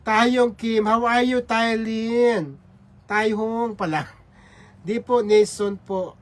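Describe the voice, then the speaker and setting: A man's voice: high-pitched, fairly even intonation, slow pace. A man hosting a casual livestream, greeting viewers by name with repeated hellos. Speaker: livestream host.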